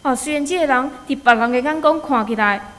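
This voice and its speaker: Taiwanese lady giving a sermon, kinda high voice, storytelling and asking rhetorical questions, big echoey hall reverb. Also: a little fast, fairly bright tone. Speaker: preacher.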